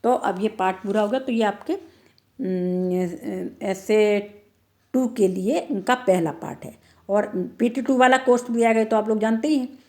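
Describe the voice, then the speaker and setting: A woman's voice: medium pitch, unhurried, darkish tone. A woman teacher giving an online class lesson, explaining step by step and repeating each answer.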